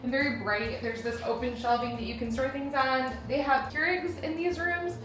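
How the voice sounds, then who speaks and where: Woman vlog host, slightly high, chatty and descriptive; echoey room, music and chatter behind. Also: fairly even intonation, normal speed, a bit bright. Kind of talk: casual vlog chat and room tour.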